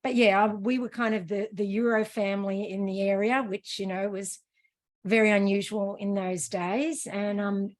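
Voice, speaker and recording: An Australian woman, a running coach, talking as a guest in a relaxed, self-deprecating way. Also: medium pitch, moderate pace. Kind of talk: casual interview chat.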